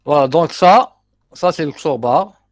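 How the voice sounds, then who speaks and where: A middle-aged man with an Algerian accent teaches a university class, working through each step and repeating key terms as he goes. His voice sits a little high for a man, and the recording is dry and close. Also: expressive, a little slow, no echo. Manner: explains step by step, repeats terms, mixes in short asides.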